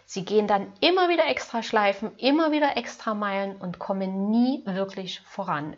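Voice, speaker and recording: A woman life coach giving a gentle, earnest self-help talk straight to the viewer, addressing them formally. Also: mid-range voice, lo-fi sound.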